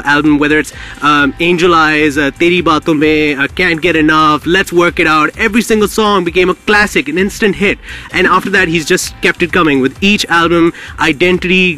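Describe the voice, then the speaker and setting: Bright, high-voiced male radio host. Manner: hype-filled, repetitive, slangy. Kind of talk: live radio interview, effusive hosting.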